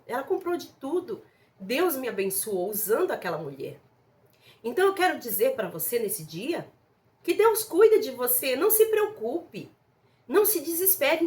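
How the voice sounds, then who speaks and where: A middle-aged woman with a high voice tells a personal religious testimony. She is earnest and speaks straight to her listeners, calling them brothers and sisters. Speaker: church member giving testimony.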